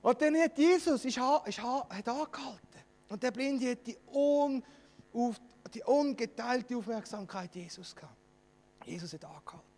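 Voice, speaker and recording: A male preacher with a Swiss German accent delivers a fervent sermon, dropping to near-whispers and then rising to loud calls. His voice sits high for a man. The sound carries a long hall reverb. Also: unhurried. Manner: fervent, swings between hushed and loud.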